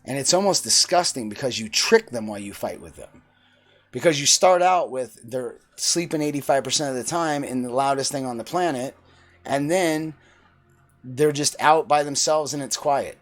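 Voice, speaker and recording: A man's voice: mid-range voice, normal speed. A man in his forties giving a blunt, profane, preachy monologue. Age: 40s. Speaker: vlogger. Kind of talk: opinionated monologue.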